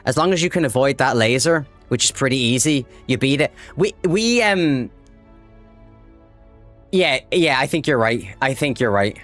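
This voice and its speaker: An Irish man chatting casually while livestreaming a game, excitable and swearing freely as he talks to his chat. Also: medium pitch, normal speed, faint music behind. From Ireland. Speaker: livestream gamer. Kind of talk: casual live gameplay chat.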